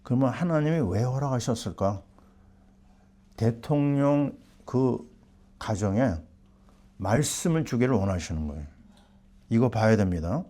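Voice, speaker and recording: A middle-aged male pastor delivers a sermon in a warm, mellow voice. He keeps asking the congregation questions and then answers them himself, and his voice sits at a medium pitch. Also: animated, a little slow, pauses often.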